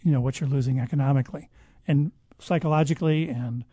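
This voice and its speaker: A man speaking as a guest expert in a conversational interview, explaining at length in a measured way and often restarting his sentences. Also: medium pitch, steady tone, mellow, no echo. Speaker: guest expert on public health.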